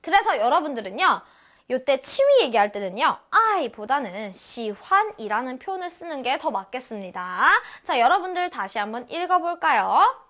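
Young woman, lively online language teacher, high and bubbly, plays out little scenes. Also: moderate pace. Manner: bubbly, playful, acts out short dialogue snippets.

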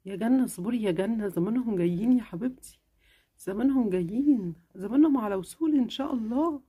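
A woman voicing a patient, caring mother in a children's cartoon, speaking gently and affectionately with an Egyptian accent, firm when she scolds. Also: on the high side, quick pace, breathy edge, voice pushed down. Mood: gentle. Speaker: cartoon character.

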